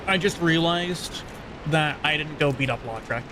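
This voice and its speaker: A man's voice: fairly high pitch, moderate pace, noisy background. A man giving casual, chatty commentary while playing a video game, muttering asides to himself. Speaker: gameplay streamer.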